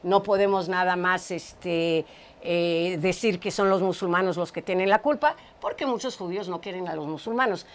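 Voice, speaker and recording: A woman's voice: lowish voice, moderate pace. Middle-aged woman host, casual interpreter, talkative, restarts often, lapel mic. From Portugal. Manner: chatty, repeats words while translating. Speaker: talk show host. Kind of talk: casual chat, interpreting for a guest. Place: small studio set with brick wall.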